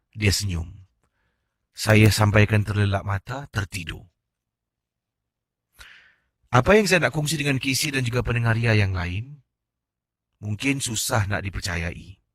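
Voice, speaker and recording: A man hosting late-night radio, reading a listener's ghost story in a measured, storytelling way. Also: mid-range voice, a bit bright, breathy edge, no room sound.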